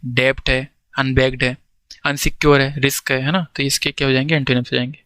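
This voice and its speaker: A man teaching English vocabulary for exams in Hindi, checking in with the listener constantly and reading English definitions slowly. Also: medium pitch, a bit bright, dry recording. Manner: explains in Hindi with English words, frequent "ठीक है?" check-ins. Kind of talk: exam-prep vocabulary lesson.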